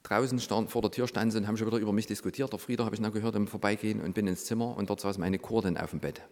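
A man's voice: lowish voice, racing, in a large hall. A middle-aged man, from Saxony, telling a personal story and acting out the dialogue in it. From Saxony, Germany. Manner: lively storyteller who acts out quoted dialogue, dropping to a hushed voice. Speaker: former reality show participant.

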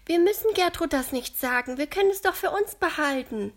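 A woman voicing an eager young girl detective who talks fast and excitedly. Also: very high-pitched, voice pushed up.

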